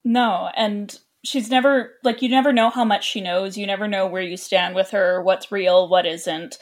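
A woman's voice: mid-range voice, steady tone, normal speed. Enthusiastic woman podcast co-host. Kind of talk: casual film discussion.

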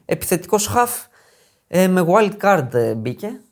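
A man's voice: high voice, very animated. A man co-hosting a casual football podcast, introducing players one by one in a chatty way. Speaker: podcast co-host.

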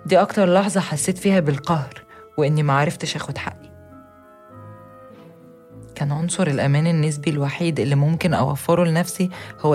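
Very fast-talking young Egyptian woman. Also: sits low, darkish tone. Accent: Egyptian Arabic. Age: young adult. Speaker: narrator. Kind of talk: scripted first-person narration.

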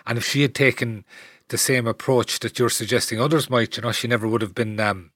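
A man speaks as an interviewer in a conversational style. His delivery is very fast and his medium-pitched voice sounds dry, with hardly any room around it. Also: fairly even intonation, fairly bright tone, no room sound.

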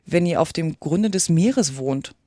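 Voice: medium pitch, lively intonation, measured pace, warm tone, no echo, studio quality, natural voice. A reader voicing a curious, polite young girl asking eager questions in a storybook reading. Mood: earnest.

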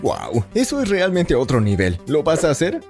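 A man voicing an excitable young male best friend in an animated story, with animated talk. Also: fairly high pitch, moderate pace, soft background music. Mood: excited.

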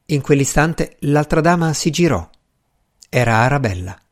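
Steady male audiobook narrator. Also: on the high side, normal speed. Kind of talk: scripted narration.

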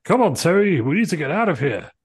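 Man playing a steadfast, husky space hero. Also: medium pitch, sing-song, normal speed. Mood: urgent. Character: steadfast, encouraging male space hero sidekick.

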